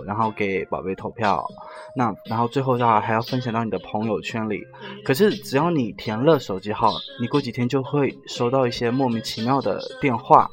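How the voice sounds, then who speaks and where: A man telling a personal story in a casual, sarcastic rant, mocking the people he quotes. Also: medium pitch.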